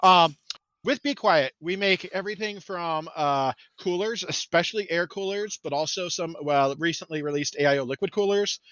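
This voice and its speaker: An excitable man jokes about himself as a podcast guest. His voice is bright and forceful, a bit higher than most men's. The sound is dry and slightly dull, like a lo-fi mic. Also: moderate pace, no echo. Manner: excitable, self-deprecating, jokey. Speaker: guest, marketing manager. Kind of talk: casual podcast chat.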